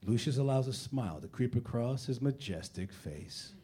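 A man's voice: medium pitch, lively intonation, moderate pace, background noise. A man reading stage directions as the narrator of a comedy script.

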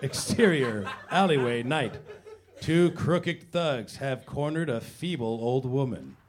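A man's voice: mid-range voice, lively intonation, slow pace, crowd noise. A man reading stage directions as the narrator of a comedy script.

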